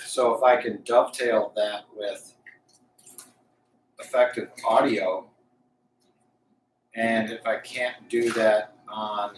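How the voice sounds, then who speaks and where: A man live streaming casual, unscripted talk, thinking aloud haltingly as he tests a Bluetooth mic. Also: on the low side. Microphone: Bluetooth lapel mic. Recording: echoey, distant Bluetooth mic, faint noise.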